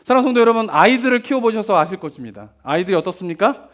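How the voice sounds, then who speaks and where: A man's voice: high voice, animated, rapid-fire, fairly bright tone. A middle-aged male pastor preaching a sermon in a chatty way, asking the congregation questions and acting out parents and children. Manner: conversational preaching with frequent rhetorical questions; acts out parents and children in quoted lines.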